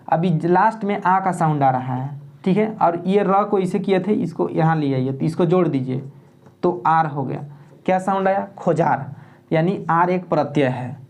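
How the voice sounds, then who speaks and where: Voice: mid-range voice, unhurried, darkish tone. A teacher giving an exam-prep grammar lesson, who repeats and spells out word parts and keeps checking in with "okay?" while explaining plainly.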